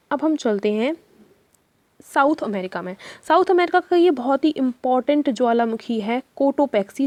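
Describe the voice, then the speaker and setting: High-voiced woman teaching exam tricks. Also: no echo. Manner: chatty, storytelling, asks students questions. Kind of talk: exam-prep lesson with memory tricks.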